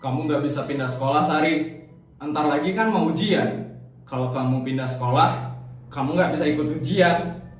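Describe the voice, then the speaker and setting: A performer voicing a calm classmate in an amateur fan horror drama, speaking in a steady, reasoning way. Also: mid-range voice, moderate pace, pitched below the performer's own voice, close to an everyday voice. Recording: very echoey, far from mic, music behind.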